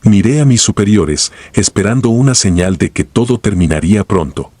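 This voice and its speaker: Deep husky man narrating horror. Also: normal speed, warm tone, no room sound.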